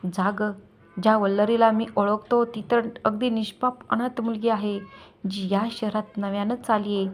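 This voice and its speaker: A woman reading aloud, voicing a sharp-tongued young male college friend who asks cold, sneering questions. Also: mid-range voice, little pitch movement, normal speed, close to an everyday voice.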